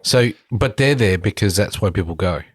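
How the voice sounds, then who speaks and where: A man's voice: fairly low pitch, animated, moderate pace, breathy edge, no room sound. A man co-hosting a podcast in casual group chat, making dry, wry jokes. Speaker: podcast co-host.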